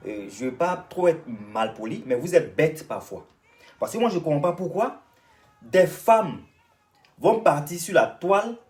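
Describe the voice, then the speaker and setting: A man's voice: mid-range voice, darkish tone, distant mic. An Ivorian-accented man delivers a vlog rant, talking straight at the person he criticizes and repeating his points like a lesson. He sits back from the mic, and faint music runs underneath. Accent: Ivorian French. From Côte d'Ivoire. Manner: lecturing, repetitive, addresses his target directly. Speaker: vlogger and singer. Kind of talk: ranting monologue to the camera.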